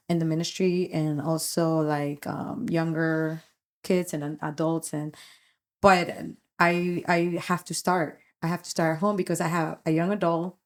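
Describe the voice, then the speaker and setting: A middle-aged woman, a youth ministry leader, chatting on a podcast in an earnest, reflective way, often pausing and restarting her sentences. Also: deep voice. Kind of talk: casual podcast chat.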